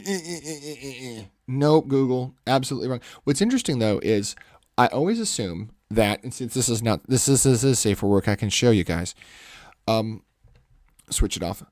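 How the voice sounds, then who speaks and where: Speaking close to the microphone, an art livestream host chats with viewers as he sketches, rambling and correcting himself. His mid-range voice is a little mellow yet commanding, with a salesman-like ring. The recording is dry.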